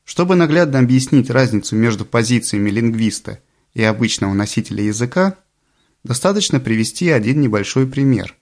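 A man reads an audiobook calmly and deliberately, his voice at a middle pitch for a man. He slows down on the phrases he wants to stress, and his delivery remains even and composed.

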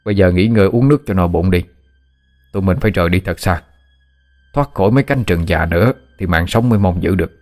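A man voicing a seasoned forest guide who explains dangers in a steady, matter-of-fact way, in a told ghost story. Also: low-pitched, fast talker, close to an everyday voice. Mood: explaining.

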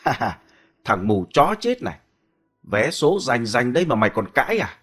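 A man's voice: medium pitch, very animated, normal speed, fairly bright tone, soft background music. A man voicing a crude, menacing village thug. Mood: taunting. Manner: crude, bullying and taunting. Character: brutal young male thug, greedy and menacing.

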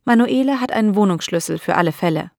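A woman narrating a learners' audiobook in a clear, measured way. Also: mid-range voice, expressive, a little mellow, no echo, studio quality.

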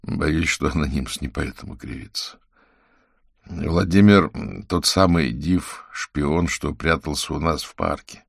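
A man voicing a calm adult sorcerer who speaks gently and patiently. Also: a bass voice, unhurried, creaky, slightly rough, no echo, studio quality, exaggerated voice. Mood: earnest. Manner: soft and reassuring, drops to a hush.

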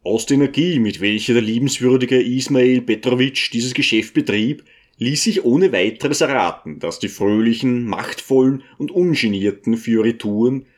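A man reading a novel aloud as scripted narration, in a measured, steady way. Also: mid-range voice. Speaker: audiobook reader.

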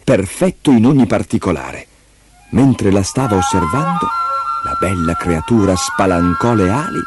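A man with a fairly low voice reads a children's fairy tale aloud, his pitch rising and falling expressively. Clear music plays under his narration. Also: no room sound. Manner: lively, expressive reading. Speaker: storyteller.

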